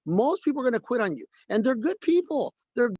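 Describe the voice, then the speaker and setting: A man's voice: very high voice, sing-song, fairly quick, a little mellow, husky, dry recording, lo-fi sound. A man leading a video call, giving a motivational talk to his sales team and repeating phrases for stress.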